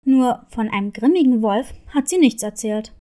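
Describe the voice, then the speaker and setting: Proud strong papa cat in a kids storybook, lower and louder, confident as a lady puts him on. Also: lively intonation, moderate pace, lightly acted. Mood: fatherly. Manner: warm, confident, boastful. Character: proud strong grown male cat, a loving father. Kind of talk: storybook reading.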